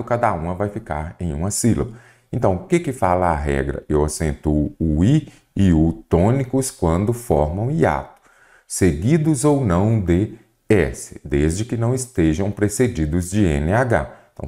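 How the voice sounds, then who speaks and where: A man with a Brazilian Portuguese accent teaching an exam prep grammar lesson, explaining step by step and asking the viewer questions. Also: sits low. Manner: didactic, questioning the viewer, lively emphasis.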